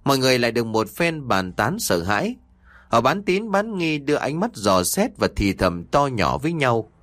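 A man's voice: medium pitch, very animated, normal speed, fairly bright tone, dry recording. Guy reading a ghost story, dramatic, very dry close sound. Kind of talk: scripted horror story narration.

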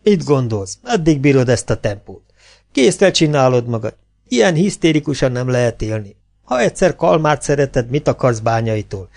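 A man's voice: mid-range voice, animated, vocal fry, a little mellow. A man voicing a worldly cabaret actress who lectures her friend in a weary, reproachful way. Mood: lecturing.

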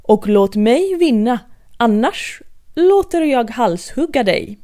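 A bossy queen barks slow, loud orders, as a woman reading a storybook puts her on. The voice stays mellow, with lively swings in pitch. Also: lightly acted. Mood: commanding. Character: imperious bossy queen of hearts.

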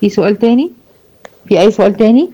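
An Egyptian woman teaches a tajweed class, going over each rule with care. Her voice sits at a middle pitch, and she repeats examples and keeps checking that her students follow. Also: lively intonation, dark tone, slight background noise, rough recording. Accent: Egyptian Arabic. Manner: patient, repeats rules slowly with examples, checks understanding. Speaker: Quran recitation teacher. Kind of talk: online tajweed lesson.

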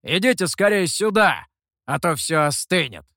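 Casting: brusque monkey demon cook, voiced by a man, loud and somewhat high, dry close sound. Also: very animated, moderate pace, no echo. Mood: boastful.

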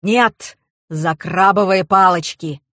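A woman voicing a fussy, exasperated portly male police colonel in an audiobook, talking down slowly and emphatically. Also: lowish voice, pushed and bright, dry recording, clean studio sound. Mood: dry. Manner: grumbling, condescending, slow and emphatic. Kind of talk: audiobook character reading.

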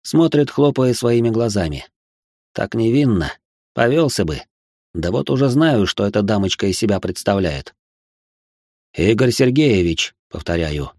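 A man's voice: on the low side, sing-song, normal speed, darkish tone, no room sound, studio quality. A man narrating a novel in the first person, with a stern, curt manner in dialogue. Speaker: audiobook narrator.

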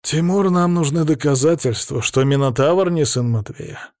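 A man voicing a stern middle-aged male council member in a firm, measured tone. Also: on the high side, a little mellow, slight background noise, pitched above the performer's own voice, close to an everyday voice.

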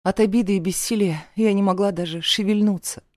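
A woman's voice: mid-range voice, steady tone, brisk, a little mellow, no room sound, studio quality. A woman reading a first-person story as an audiobook narrator, in a dramatic, emotional storytelling manner.

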